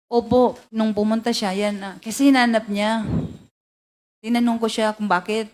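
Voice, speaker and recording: A woman giving formal testimony as a witness in a hearing room, halting and polite, with many fillers. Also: a little high, steady tone, darkish tone.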